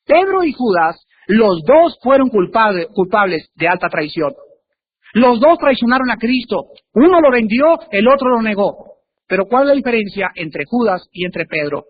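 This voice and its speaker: A male preacher giving a sermon, emphatic, with sudden swings in pitch and loudness. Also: big pitch swings, normal speed. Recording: tinny phone-like recording with faint hiss.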